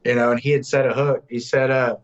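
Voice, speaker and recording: A man in his thirties, a songwriter guest, telling casual, animated stories in an interview. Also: mid-range voice, highs cut off. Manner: animated, loose storyteller, slips into quick voices.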